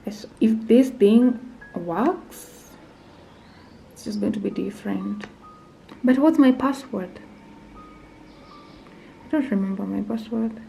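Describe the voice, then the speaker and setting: A woman's voice: mid-range voice, takes it slowly, vocal fry, long pauses, dark tone, soft background music, rough recording. A young woman vlogging casually, thinking aloud, nervous and often dropping to a whisper. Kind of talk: casual vlog narration.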